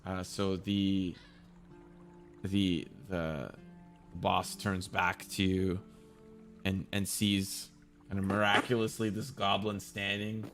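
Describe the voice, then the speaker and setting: A man narrating as game master of a tabletop game, easygoing and halting. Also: low voice, flat delivery, over music.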